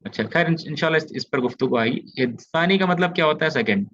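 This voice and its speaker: A man's voice: a little high, lively intonation, fast talker, fairly bright tone, lo-fi sound, a little hiss or hum. A man from India teaching an Arabic grammar lesson, explaining patiently and often checking that his students follow. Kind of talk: online class lecture.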